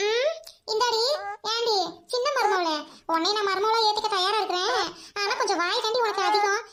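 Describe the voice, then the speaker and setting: Very high-voiced woman scolding. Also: normal speed, heavy background noise. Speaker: hobby drama performer. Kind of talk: amateur family drama acting.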